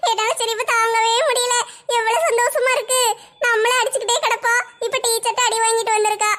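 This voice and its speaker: A teasing big-sister girl, voiced by an actor from a comic cartoon. She cackles and mocks her little sister in a very high, bright, shrill voice. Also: flat delivery, fast. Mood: gloating. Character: gloating mischievous elder sister girl.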